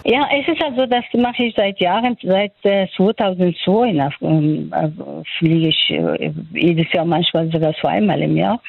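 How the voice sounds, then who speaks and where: A woman's voice: fairly low pitch, moderate pace, creaky, no echo. An older woman from Afghanistan with an Afghan accent, a doctor talking in a hesitant way with many fillers as she searches for words. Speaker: doctor interviewed on radio. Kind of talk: phone interview. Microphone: phone. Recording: dry tinny phone line.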